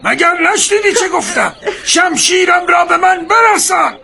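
An actor playing a blind old father in a radio drama, solemn and commanding, with a gravelly voice. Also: very high-pitched, expressive, a faint crowd, full character voice. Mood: commanding shout. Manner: solemn, commanding, bursts into shouts.

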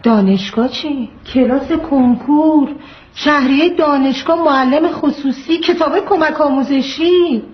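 An actress playing an earnest young wife who lists the costs of raising a child in a matter-of-fact way. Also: female voice, high voice, natural voice. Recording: dull clip with faint ambience.

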